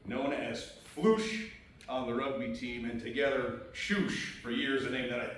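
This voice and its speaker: A man's voice: mid-range voice, unhurried, fairly bright tone. A man in his forties giving a joking, self-deprecating award speech in a law school courtroom. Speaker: rugby alumnus presenting an award. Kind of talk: humorous tribute speech. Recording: echoey hall from far off, noisy.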